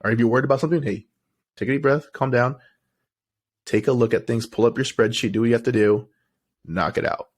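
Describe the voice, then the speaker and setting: A young adult man co-hosting a casual podcast, giving blunt, animated advice and acting out people's inner thoughts. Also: mid-range voice, fast talker, pauses often. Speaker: podcast co-host.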